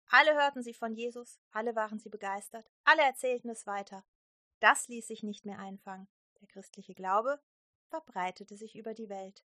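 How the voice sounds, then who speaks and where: A woman's voice: on the high side, pushed and bright, no room sound, studio quality. A woman leading children's church, telling a Bible story to kids in a friendly, explaining way.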